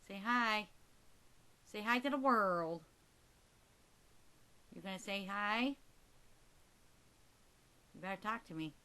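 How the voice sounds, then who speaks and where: Slow-talking woman coaxing her pet. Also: medium pitch, sharp tone, clear, resonant tone. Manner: coaxing pet talk with short repeated prompts and endearments. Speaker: pet owner filming her bird. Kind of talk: casual chat to a pet budgie. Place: recorded while handling the camera herself.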